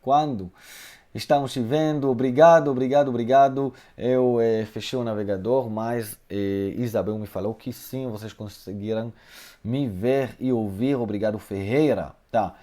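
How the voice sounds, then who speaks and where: A man's voice: medium pitch, steady tone, normal speed, warm tone. A man whose first language is Hebrew, teaching a live online Hebrew lesson from home and answering viewers' questions, hesitating often and adding tag questions.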